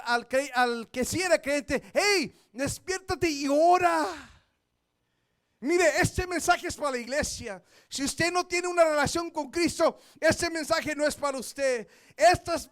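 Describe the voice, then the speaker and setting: A pastor preaching a sermon in a loud, impassioned way that builds to shouting. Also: male voice, extremely high pitch.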